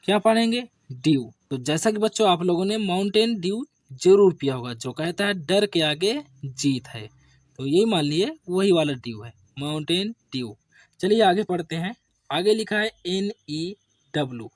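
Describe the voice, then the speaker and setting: A man teaching an English spelling lesson to children, asking questions and answering them himself in a lower voice. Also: lively intonation, normal speed, dry recording, studio quality. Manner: addresses viewers as children. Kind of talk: slow classroom-style spelling lesson.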